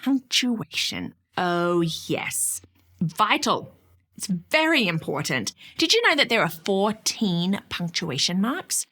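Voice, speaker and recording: A middle-aged woman explaining writing skills in a casual, expressive teaching talk with playful asides. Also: on the low side, slow, hardly any pauses, soft background music. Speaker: educator.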